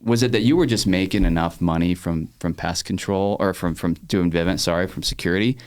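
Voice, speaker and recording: A man's voice: low-pitched, a little fast, clear, resonant tone. A thirty-year-old man hosting a podcast, casual and affirming, calling his guest "man" and "dude". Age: 30s. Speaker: podcast host. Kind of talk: podcast interview.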